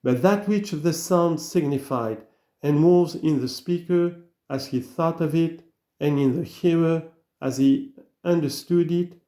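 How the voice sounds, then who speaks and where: A man giving a slow, earnest reading of an old sermon, full of rhetorical questions. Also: fairly high pitch, mellow, reverberant. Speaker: reader of sermons.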